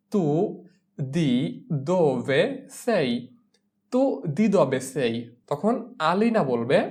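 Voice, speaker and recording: A man teaching a lesson, his pitch rising and falling a lot as he drills short phrases. He says each one slowly several times, then explains it quickly. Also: a little mellow. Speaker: language teacher. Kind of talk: slow spoken lesson with repeated drills.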